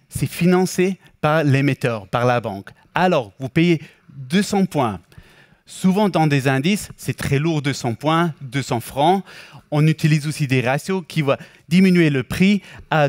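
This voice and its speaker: A man with a Swiss German accent mixed with Québécois and English influence gives an explanatory financial presentation as a product specialist, in a halting, self-correcting way. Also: a little high, dry recording, studio quality. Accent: Swiss German with Québécois and English influence, speaking French.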